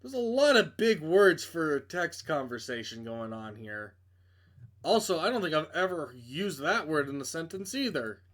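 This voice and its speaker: At a moderate pace, a man whose voice sits on the high side, sing-song and a touch bright, reads a video game's story aloud with drama. He's a streamer doing a playthrough, and he stumbles now and then, breaking off for blunt, offhand remarks.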